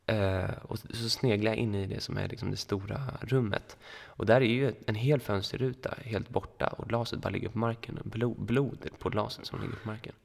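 A young man spins a rambling anecdote with a low, gravelly voice, stopping often on fillers and acting out what people said. His voice rings with a long echo from the room around him. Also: fairly even intonation, few pauses. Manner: rambling anecdote with many fillers and quoted dialogue. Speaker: podcast co-host. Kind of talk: casual storytelling chat. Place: school room.

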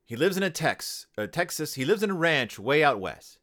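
A man's voice: on the high side, big pitch swings, moderate pace, a bit bright. A man hosting a podcast, chatting casually and comically about a children's book, rambling and correcting himself as he goes. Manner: rambling, digressive, self-correcting. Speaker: podcast host. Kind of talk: casual comedic book review.

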